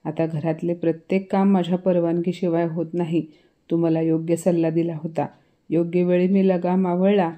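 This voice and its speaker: A woman's voice: on the low side, level tone, moderate pace, dark tone, natural voice. A woman voicing a controlling, touchy older mother-in-law with a curt, scolding tone in a storybook reading.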